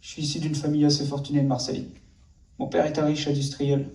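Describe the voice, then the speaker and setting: An actor playing an earnest, evasive cop in a screen drama, with a fairly high male voice. He explains and placates, heard a little way off in an echoey room. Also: completely flat delivery, quick pace, darkish tone, close to an everyday voice. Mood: calm, confiding. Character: earnest, evasive policeman under pressure. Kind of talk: naturalistic film drama acting. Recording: echoey room, distant from the mic.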